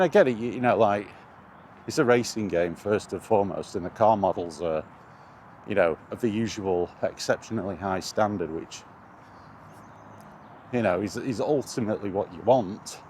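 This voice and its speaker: This video game vlogger has a fairly low voice with a darkish tone. He chats casually and ramblingly about his hobby, hesitant and wryly exasperated, while outdoor sounds come through clearly in the background.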